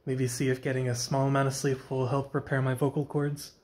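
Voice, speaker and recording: Speaking briskly in a level, mid-range tone, a young male vlogger gives a casual after-work chat. His voice is weary and a bit scratchy, and his soft delivery wanders and doubles back to fix itself.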